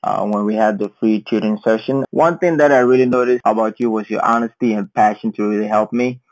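A man's voice: on the low side, a little fast, rough recording. A man, a podcast guest, speaking thoughtfully with frequent hesitations. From Ghana. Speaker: interview guest. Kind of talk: casual interview.

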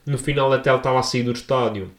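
A young man with a European Portuguese accent telling a story in a casual, slangy vlog, full of asides and fillers. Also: very fast. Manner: animated, slangy, jumps into high-pitched voices for quoted people. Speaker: vlogger. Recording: echoey room.

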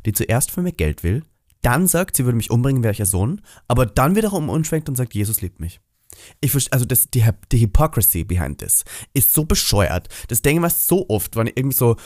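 A man's voice: mid-range voice, brisk, no echo, studio quality. A man co-hosting a podcast, telling stories in casual chat and dropping English phrases. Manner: animated storyteller, mixes English phrases. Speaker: podcast co-host.

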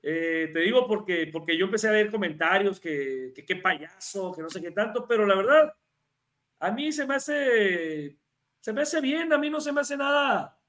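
A man's voice: sits high, animated, moderate pace, fairly bright tone. A man with a Mexican Spanish accent, co-hosting a casual NFL talk show, chatty and given to repeating words as he restarts. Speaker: NFL podcast co-host. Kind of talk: casual sports analysis chat.

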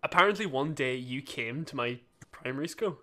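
A young man, talking in a casual chat, halting and excitable. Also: medium pitch. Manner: halting, restarts a lot, excitable.

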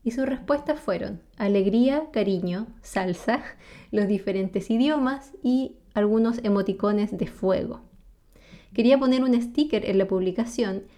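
In an explanatory vlog, a Chilean woman with a Chilean accent and Spanish as her first language walks through ideas in a friendly manner. She frequently asks the listener questions and laughs between points, her medium-pitched, dark-toned voice unhurried.

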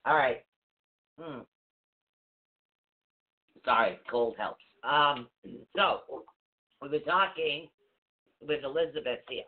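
A woman hosting an online talk show, chatting in a rambling, self-interrupting way, a bit stuffy with allergies. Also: extremely low pitch. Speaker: show host. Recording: tinny phone-like call audio.

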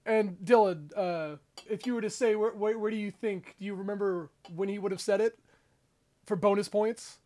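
A man's voice: high voice, fairly even intonation, moderate pace, a little mellow. A man hosting a casual podcast chat and running a quiz game, joking and laughing often as he talks. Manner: laughs often while talking, loose and joking.

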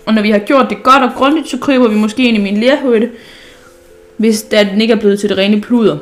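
A woman's voice: on the high side, fairly even intonation, soft background music, natural voice. A woman reading aloud a bold, cheeky young girl from a storybook, chatty and full of fanciful plans. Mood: playful.

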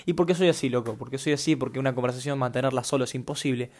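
A man's voice: medium pitch, steady tone, rapid-fire. A young man with a Rioplatense Spanish accent, hosting a solo podcast, talking in a scattered, self-mocking way full of slang. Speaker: podcast host.

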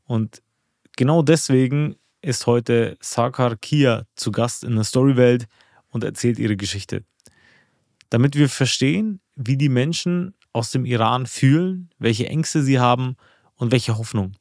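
A man's voice: medium pitch, measured pace, a little mellow, dry recording. Man, podcast host, earnest questions, dry close sound. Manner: earnest, fills with "äh" and restarts when asking questions. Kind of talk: podcast interview. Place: indoors.

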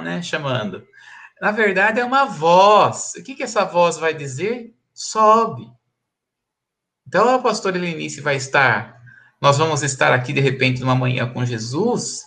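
A man, a pastor, leading a live-streamed Bible study. His voice sits fairly high with a heavy gravelly fry. He preaches emphatically, repeating phrases and chuckling between points. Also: pushed and bright.

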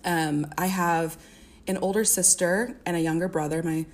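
A woman's voice: on the low side, fairly even intonation, normal speed. A young woman from the American Midwest, a singer and music therapist, chatting as a podcast guest with many fillers and restarts. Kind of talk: casual interview.

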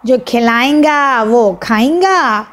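A woman voicing a boy who plays a street magician, with slow showman patter in broken grammar. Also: sits high, animated, fairly bright tone. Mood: coaxing.

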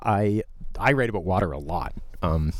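A man's voice: sits low, lively intonation, moderate pace, no room sound. A man, a musician guest, giving thoughtful, meandering answers in an interview conversation. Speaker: musician guest, artist in residence.

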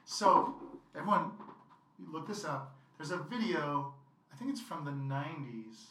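A woman guest in a casual interview, playful and laughing, who acts out quotes loudly. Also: low-pitched, animated, measured pace, slight background noise. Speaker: guest performer. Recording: echoey room from far off.

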